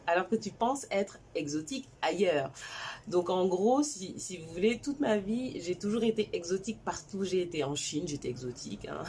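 Low-voiced woman telling her life story. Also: darkish tone, a little hiss or hum. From Cameroon. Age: 40s. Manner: conversational, many fillers and restarts. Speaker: vlogger. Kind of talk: casual personal storytelling.

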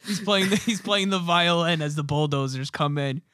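Bright-voiced hyped young podcast co-host. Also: male voice, on the high side, normal speed. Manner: hyped, jokey, riffing. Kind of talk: casual comedic banter.

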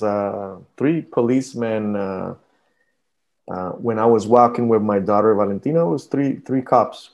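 Slow, dark-voiced pastor from Costa Rica. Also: male voice, on the low side, creaky. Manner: hesitant, many fillers and restarts. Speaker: pastor, guest. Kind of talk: casual interview talk.

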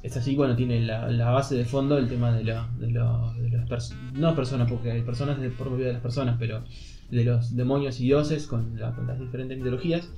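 A man's voice: mid-range voice, warm tone, lo-fi sound. Rambling Argentine man explaining a game. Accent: Argentine Spanish. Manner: rambling, searching for words with many fillers. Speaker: podcast co-host recommending games. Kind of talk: casual chat.

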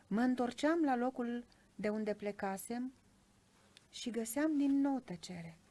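A woman hosting a book show, reading a children's story aloud in an expressive, lilting way. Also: a little high. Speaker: radio book show host.

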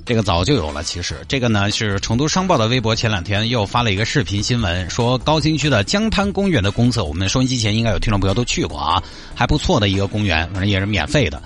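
Lively low-voiced Sichuan-accented male radio host. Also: fast talker, hardly any pauses. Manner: colloquial, chatty, with rhetorical questions to listeners. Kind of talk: casual radio news commentary.

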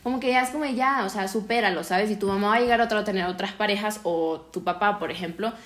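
A woman's voice: medium pitch, fast talker, fairly bright tone. A young Mexican woman chats on a family podcast as the daughter. Her talk is casual and slangy, and fillers run all through it. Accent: Mexican Spanish. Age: young adult. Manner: chatty, filler-heavy slang.

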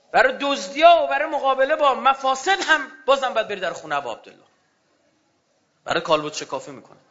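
A man preaching a fervent religious sermon to a gathering, swinging between loud outbursts and hushed low passages. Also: lo-fi sound.

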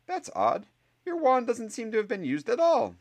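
A man's voice: very high-pitched, wildly swooping pitch, normal speed, voice pushed up, full character voice. A man voicing a stern, dumpy older woman professor who speaks in an icy, clipped, skeptical way.

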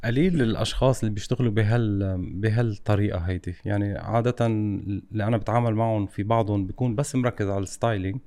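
A man with a Lebanese Levantine accent speaks quickly in a slightly low voice. He sounds like a casual interviewer, thinking ideas through at length and dropping in English phrases. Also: steady tone, warm tone. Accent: Levantine Arabic, Lebanese. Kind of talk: casual conversational interview mixing Arabic and English.

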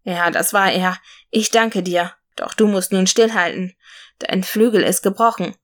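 A woman's voice: medium pitch, steady tone, unhurried, close to an everyday voice. Woman reading a brave young warrior guy, solemn and earnest, fairy tale hero.

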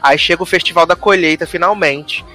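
A man's voice: a little fast, faint music behind. A man co-hosting a casual chat, retelling a TV episode and acting out the characters' lines. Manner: animated storyteller acting out characters' lines in a high voice. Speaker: podcast co-host.

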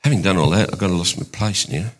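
An older man preaching a sermon, excitable, climbing to high emphatic bursts and then dropping low and intimate. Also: quick pace.

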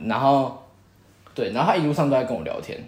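A man's voice: mid-range voice, expressive, brisk, a little mellow. A young man with a Taiwanese accent, chatting casually as a co-host. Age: young adult. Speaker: podcast co-host. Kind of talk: casual chat. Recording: roomy, echoing indoor sound.

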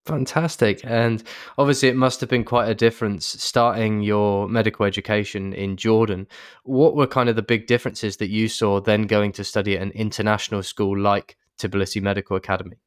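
Male interviewer, low flat voice, smooth and crisp. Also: fairly quick, no echo, studio quality. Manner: encouraging, upbeat prompts. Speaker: interview host. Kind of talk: interview questions.

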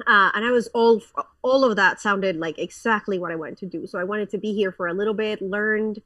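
A woman's voice: medium pitch, fairly quick, a bit bright, no room sound, recorded from a distance. A woman in her thirties from Colombia, a pastor, talking frankly as a guest in a casual interview, with lots of fillers and restarts.

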